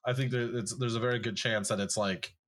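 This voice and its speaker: A man's voice: medium pitch, fairly even intonation, fast, fairly bright tone, a little hiss or hum. A man co-hosting a podcast in casual sports chat, thinking aloud and hedging as he goes. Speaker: podcast co-host.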